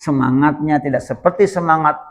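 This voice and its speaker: A male Islamic teacher giving a religious study lecture in a prayer room, storytelling in a lively way and often addressing his listeners directly. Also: a little high, brisk.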